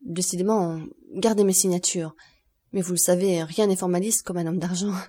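A woman's voice: on the low side, fairly even intonation, moderate pace, dark tone, natural voice. A woman reading an audiobook, voicing a boastful, proud male banker who turns nervous and stammering. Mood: affolé. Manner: swaggering, then flustered and stammering.

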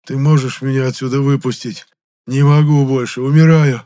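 A man voicing a sick, hungover male ghost stuck in a human body, croaking and moaning. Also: mid-range voice, fairly even intonation, normal speed, darkish tone, voice pushed up, close to an everyday voice. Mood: whining.

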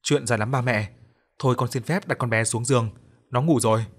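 A man's voice: mid-range voice, fairly quick, husky, lightly acted. A man voicing a kind young man who soothes and reassures a child in a story reading. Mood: calm.

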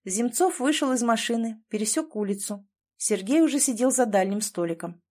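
A woman narrating a story in an even, measured reading. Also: fairly high pitch. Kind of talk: scripted narration.

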